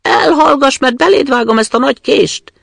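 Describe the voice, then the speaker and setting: A man's voice: high-pitched, big pitch swings, creaky, no echo, clean studio sound, pitched above the performer's own voice, exaggerated voice. A man voicing a bold, fierce young robber girl who talks in a brash, threatening way, in a storybook reading.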